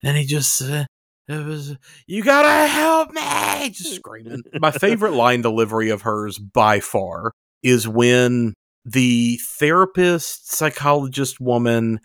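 A man's voice: medium pitch, unhurried, a bit bright, no room sound. Guy on a horror podcast, dry close mic, acts out lines while he tells the story. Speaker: podcast co-host. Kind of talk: casual chat.

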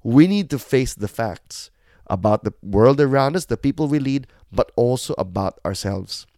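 A man's voice: mid-range voice, animated, normal speed, dark tone, dry recording, studio quality. A middle-aged man, hosting a reflective podcast monologue in a candid, self-deprecating, conversational way. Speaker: podcast host.

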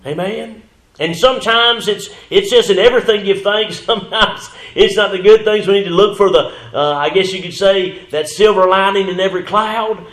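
High-pitched guy preaching a sermon, reads scripture, amen after amen. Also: normal speed, fairly bright tone. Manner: preaching with frequent amens and hallelujahs; reads scripture in old-fashioned wording. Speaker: pastor. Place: church sanctuary. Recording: echoey church room.

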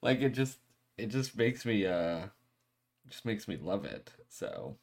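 A man's voice: on the low side, big pitch swings, takes it slowly, gravelly. A man hosting a show in casual podcast chat, slangy and freely swearing. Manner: profane, slangy. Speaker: show host.

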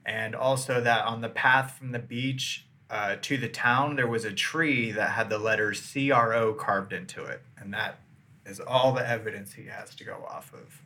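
A man with a bright, forward voice talks through a historical story for a podcast. He keeps it loose and chatty, with casual fillers and asides. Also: lowish voice, moderate pace. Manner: laid-back, loose with fillers and jokes. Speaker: podcast host telling the history.

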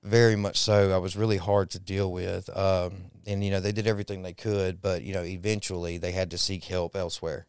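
A man in his thirties shares his testimony in a lowish, smooth and resonant voice. He talks haltingly, pausing often and reaching for words. The sound is close and dry, with no room around it. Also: flat delivery, a little mellow, dry recording. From Texas, raised in Mississippi. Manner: halting and reflective, many pauses and fillers. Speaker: guest. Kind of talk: personal testimony interview.

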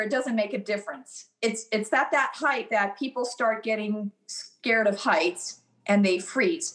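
A woman's voice: a little high, a bit bright. A middle-aged woman, a former Army officer, telling stories in a casual interview and laughing at her own anecdotes.

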